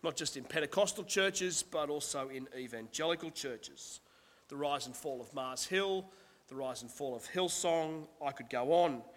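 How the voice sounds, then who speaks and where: A man preaching a sermon as pastor, husky from a cold, in a conversational, self-deprecating way. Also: fairly high pitch, a bit bright, long reverb tail.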